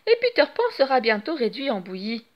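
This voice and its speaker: A woman's voice: on the high side, very animated, fairly quick, highs cut off. A woman voicing an eager, servile male pirate sidekick who reports gleefully to his captain. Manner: fawning, gleeful.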